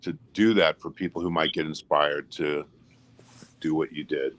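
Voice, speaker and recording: A man in his fifties with a very low, deep voice gives measured, encouraging advice in relaxed conversation. He speaks steadily and seriously. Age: 50s. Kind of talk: casual chat.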